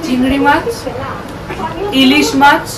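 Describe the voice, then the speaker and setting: A woman's voice: sits high, steady tone, takes it slowly, a crowd in the background. A woman giving short, cheeky replies as a visitor in a family vlog. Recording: distant roomy recording with loud vehicle noise.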